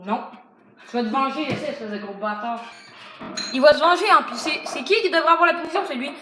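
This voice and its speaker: Over music, a woman with a Québécois French accent talks fast in a high voice, bossing and teasing a friend through a food challenge she's filming for her vlog. She swears freely, the banter is rowdy and casual, and the echoey room carries loud noise.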